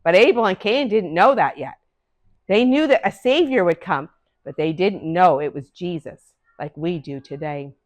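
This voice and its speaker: A woman's voice: lowish voice, normal speed. Older woman telling children a story. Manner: animated, addresses children directly. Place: classroom.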